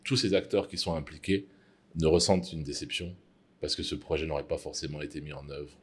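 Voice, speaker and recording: A middle-aged man answering interview questions in a formal, measured way, often pausing on fillers. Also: very deep voice, fairly even intonation, husky. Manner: measured, hesitant with frequent fillers. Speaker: interviewee, mining executive.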